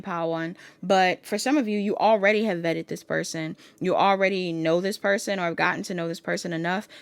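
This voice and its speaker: A woman's voice: medium pitch, no room sound. A woman giving a casual pick-a-card tarot reading, chatting to viewers and reading guidebook text aloud. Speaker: tarot reader.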